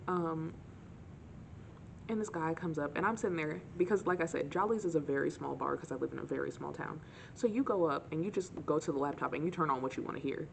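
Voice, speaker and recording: A young woman telling dating stories in a casual, sarcastic, animated way to her camera. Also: deep voice, brisk, gravelly, a little hiss or hum. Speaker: vlogger. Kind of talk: casual storytime chat.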